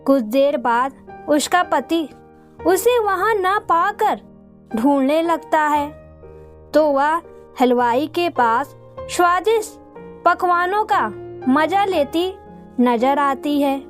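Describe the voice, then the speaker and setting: A woman narrating a devotional folk tale in a measured, dramatic reading. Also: high voice, animated, soft background music. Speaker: storyteller. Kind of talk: scripted narration of a devotional story.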